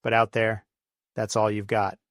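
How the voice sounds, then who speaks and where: A man's voice: fairly low pitch, monotone, moderate pace, background noise. A middle-aged man telling scripted stories and corny dad jokes as a comedy host.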